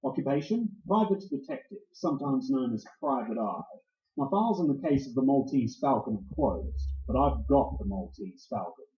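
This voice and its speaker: A man's voice: mid-range voice, expressive, moderate pace, lightly acted. A man playing a hard-boiled private detective in a 1940s-style radio play, with dry, sardonic, clipped tough-guy talk. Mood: wry narration. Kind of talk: 1940s radio acting and narration. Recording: roomy, dull lo-fi recording.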